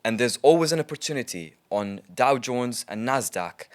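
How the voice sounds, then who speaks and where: A man, a trader guest, telling stories in a casual interview in a chatty, lively way, with frequent ums. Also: mid-range voice, normal speed, smooth.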